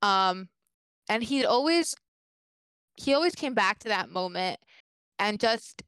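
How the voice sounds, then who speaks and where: Smooth-voiced woman hosting a podcast. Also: medium pitch, animated, slow, a bit bright, no echo, rough recording. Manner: conversational, with frequent fillers. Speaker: podcast co-host. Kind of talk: casual chat, presenting a researched story.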